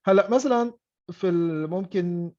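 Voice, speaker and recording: A man's voice: high voice, moderate pace, darkish tone, a little hiss or hum. Man teaching English on a dull online call. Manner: mixes English and Arabic, frequent "okay?" checks. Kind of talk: online class explanation.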